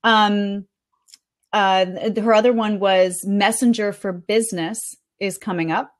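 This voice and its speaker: A woman chatting casually as a podcast guest, recapping conference talks in an animated way with plenty of fillers. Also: medium pitch, measured pace. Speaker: guest reporting on a marketing conference.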